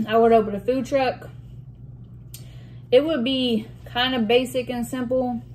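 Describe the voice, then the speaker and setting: A woman chatting casually as a vlog host while eating soup in a mukbang, reading out questions and pausing to clear her throat. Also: on the high side, steady tone, a little mellow. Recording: noticeable room noise with dish and cutlery clatter. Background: clinking cutlery and dishes.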